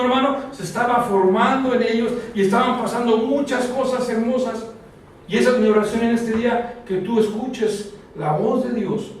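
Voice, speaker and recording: A man's voice: high voice, slight background noise. A man preaching a sermon, often asking the congregation questions and calling for answers. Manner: asks the congregation questions and calls out for responses. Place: church hall. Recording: echoey hall, mic far off.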